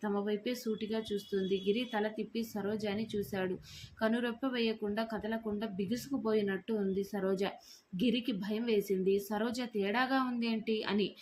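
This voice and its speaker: A woman at home telling a horror story aloud in an expressive, dramatic reading manner. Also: medium pitch. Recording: faint background noise.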